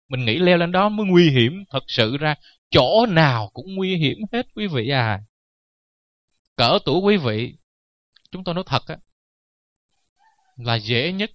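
Joking Buddhist monk, higher male voice. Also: a bit bright, no room sound, highs cut off. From Vietnam. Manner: joking, anecdotal, laughs at his own stories. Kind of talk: dharma talk sermon.

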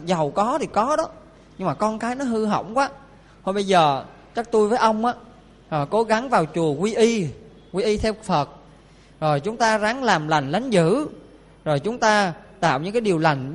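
A woman's voice: medium pitch, expressive, normal speed, long reverb tail, lightly acted. A man voicing an older wealthy wife who earnestly pleads with her husband. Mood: pleading. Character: older rich woman, worried wife.

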